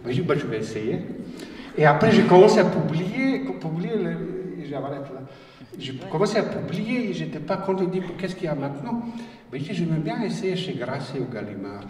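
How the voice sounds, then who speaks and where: A man from Bosnia with a Bosnian accent, telling personal stories on a panel in a halting, wry way, often repeating words. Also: fairly high pitch, sing-song, darkish tone. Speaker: writer on a panel. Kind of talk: personal storytelling talk. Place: conference hall. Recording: roomy hall, distant mic, faint noise.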